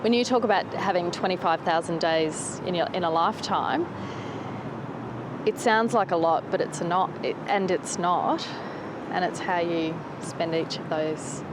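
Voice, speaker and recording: A woman gives a casual street interview answer in a fairly low voice. She speaks thoughtfully and corrects herself mid-sentence, while traffic noise from the street around her is clearly heard. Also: measured pace.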